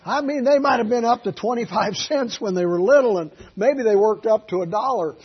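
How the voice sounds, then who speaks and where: A man preaching a sermon as a pastor, telling folksy stories and swinging from quiet asides to loud, emphatic peaks. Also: high voice, fairly quick, slightly rough, highs cut off. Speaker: Baptist pastor.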